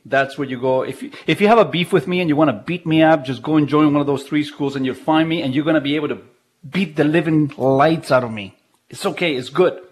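Male radio host, high-pitched, casual and jokey, broadcasting from home. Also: fast. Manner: chatty, jokey, laughs often. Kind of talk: casual live radio talk. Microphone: video call.

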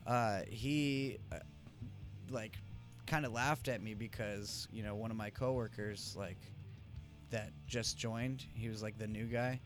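A man's voice: lowish voice, fairly even intonation, measured pace. Male co-host, loose, profane and meandering; faint music underneath. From Arizona, USA. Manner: profane, rambling, loses his train of thought. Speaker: podcast co-host. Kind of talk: casual chat.

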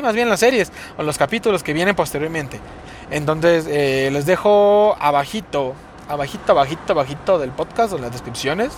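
A young man with a Mexico City accent, rambling and cursing casually through a solo podcast while driving his car. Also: on the high side. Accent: Mexico City Spanish. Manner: rambling, profane, sing-song delivery. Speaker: podcast host. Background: car and road noise.

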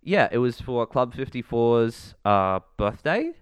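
A man's voice: mid-range voice, very animated, measured pace, clean tone, dry recording. An Australian man co-hosting a podcast in casual chat, joking and sarcastic, with some swearing. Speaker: podcast co-host.

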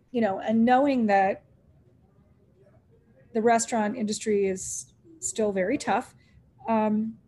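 Her voice is mellow and on the high side: a middle-aged woman who runs a restaurant, telling animated stories during an interview. She laughs often and plays out quoted dialogue, with slight background noise behind her.

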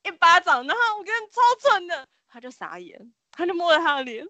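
A woman co-hosting a podcast, telling a story in casual chat and acting out the people in it with sudden loud cries. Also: extremely high pitch, brisk, no echo. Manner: animated storyteller, acts out the people she quotes with sudden shrieks.

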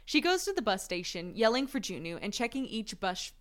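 A woman co-hosts a relaxed podcast, walking through a story recap in a fairly high, lively voice. She keeps slipping into giggles as she reads. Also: fairly quick. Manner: giggly, breaks into laughter while reading. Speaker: podcast co-host recapping a drama. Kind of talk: casual chat with plot recap.

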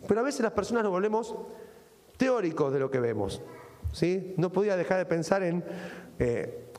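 A man's voice: high voice, sing-song, moderate pace, a little mellow, long reverb tail. A middle-aged man with an Argentine accent preaching a sermon, often asking the congregation rhetorical questions. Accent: Argentine Spanish. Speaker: pastor.

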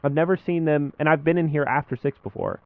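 A man's voice: a little high, steady tone, quick pace. A young man hosting a podcast in a casual, chatty style. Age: young adult. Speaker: podcast host. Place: small school room, indoors. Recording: muffled phone-like audio, dry.

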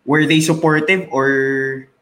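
A man co-hosting an interview, asking questions with halting restarts. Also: on the high side, fairly even intonation, fairly bright tone. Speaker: co-host. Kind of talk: casual interview chat, mixing English and Tagalog.

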